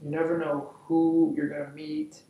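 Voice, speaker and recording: A man's voice: a little high, completely flat delivery, moderate pace, gravelly, reverberant, recorded from a distance, narrow, tinny audio, slight background noise. A man chatting casually on a podcast, giving blunt advice and repeating phrases as he builds a point.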